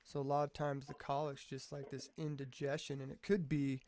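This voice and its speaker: A man's voice: mid-range voice, flat delivery, moderate pace, a little mellow, slight background noise. A man as a podcast guest in casual chat, a laid-back, profane storyteller who keeps calling people "man.".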